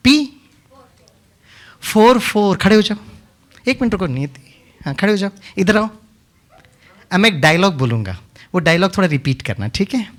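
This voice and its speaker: A man's voice: sits high, sing-song, moderate pace, pauses often. Guy running a kids camp class on a handheld mic, teasing and coaxing, voice swings up and down a lot. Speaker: kids' camp session leader. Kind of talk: playful classroom teaching. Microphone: handheld microphone.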